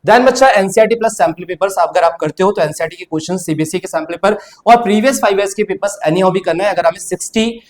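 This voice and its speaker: A man's voice: sits high, quick pace, few pauses. A man giving an exam-prep accountancy lecture, mixing English terms into his Hindi and calling his students "bachcha". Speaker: accountancy teacher.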